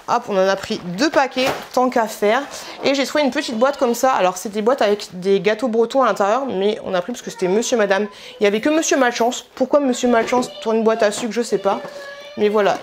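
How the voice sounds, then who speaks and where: A woman's voice: fairly high pitch, slight background noise. A woman vlogger chatting at home in a casual, slangy, rambling way as she shows her shopping. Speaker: vlogger showing a grocery haul. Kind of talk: casual chat.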